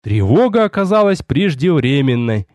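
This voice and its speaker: A man narrating an audiobook in a lively, expressive storytelling manner. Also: a little high, moderate pace, no room sound, clean studio sound.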